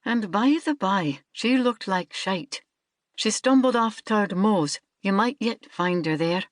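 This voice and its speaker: A gentle, soft-spoken Scottish landlady, as a woman reader puts her on, passes along news in a friendly, confiding way. She speaks unhurriedly. The sound is dry and close. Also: medium pitch, animated, a little slow, no echo, natural voice.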